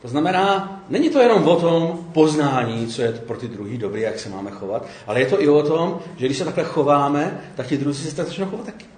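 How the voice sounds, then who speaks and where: A man's voice: a little high, few pauses, darkish tone, roomy sound. A man preaching a conversational sermon, often checking in with his listeners by asking "jo?".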